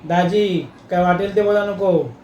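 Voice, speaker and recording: A man's voice: high-pitched, measured pace, warm tone, echoey room, highs cut off, slight background noise. A man voicing an indignant chawl resident who protests his innocence. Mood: protesting. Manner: protesting, defensive.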